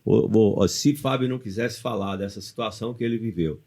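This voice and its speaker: Fairly quick and on the low side, this man's voice carries a Brazilian Portuguese accent. He co-hosts a motivational podcast, chatting casually, spinning lively stories and asking questions he doesn't expect answered.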